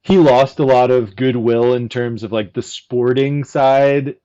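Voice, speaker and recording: A man chatting as a fan guest on a casual podcast, explaining his points at length in a measured, analytical way. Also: mid-range voice, steady tone, mellow, smooth, lo-fi sound.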